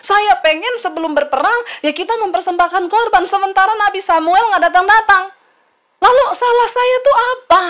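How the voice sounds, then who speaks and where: A woman's voice: extremely high pitch, moderate pace, a bit bright, voice pushed up. Woman putting on a protesting, aggrieved king. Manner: pleading, protesting complaint. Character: indignant male biblical king, defensive.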